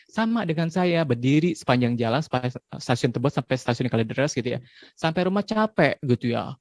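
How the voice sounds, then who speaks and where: A man in his forties giving a parenting talk in a relaxed, conversational way, dropping frequent tag questions. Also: mid-range voice, brisk, no room sound. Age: 40s. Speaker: parenting speaker.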